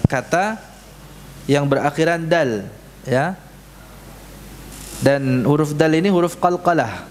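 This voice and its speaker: Guy teaching tajwid really slow and patient, kinda high voice, long echo in the mosque hall. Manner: slow, patient, drills sounds and asks the class to repeat. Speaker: Quran recitation teacher. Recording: reverberant hall, faint room noise.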